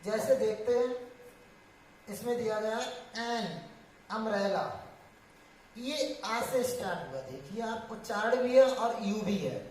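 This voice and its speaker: A woman's voice: medium pitch, darkish tone, slight background noise. A woman explaining English grammar to a class, often asking a question and then answering it herself, with frequent restarts. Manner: repeats and restarts, asks and answers own questions. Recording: distant echoey room sound.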